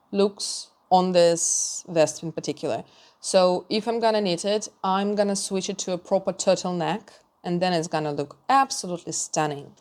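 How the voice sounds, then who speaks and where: A woman's voice: medium pitch, a little mellow. A woman knitting vlogger giving a chatty, candid review of knitting patterns, with small laughs and restarts.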